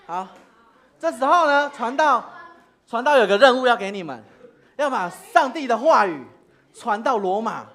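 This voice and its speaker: A woman's voice: on the high side, lively intonation, normal speed, long pauses, a bit bright. A woman, a preacher leading children in a playful church game, calling out commands and laughing often. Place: church sanctuary.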